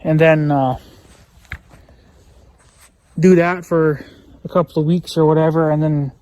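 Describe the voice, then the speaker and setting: Filming a vlog outdoors in the countryside woods, an American man thinks aloud in a relaxed, folksy ramble, swearing mildly now and then. He speaks unhurriedly in a fairly high, steady, darkish voice. There's no room sound, just faint outdoor noise.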